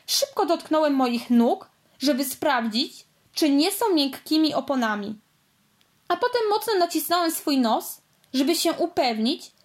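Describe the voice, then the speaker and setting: A woman narrating a children's storybook in a lively, expressive read-aloud manner. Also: high voice.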